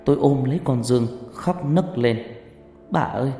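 A man narrating a horror story in a hushed, suspenseful way. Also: mid-range voice, moderate pace. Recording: reverberant hall with background music.

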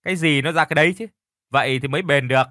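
A man voicing a blunt, quick-tempered young male student who stammers and talks forcefully. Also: a little high, dry recording, studio quality. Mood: earnest.

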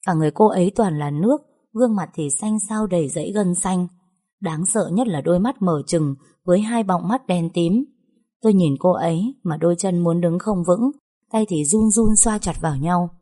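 A young woman narrating a story in the first person, lively and chatty. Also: lowish voice, moderate pace.

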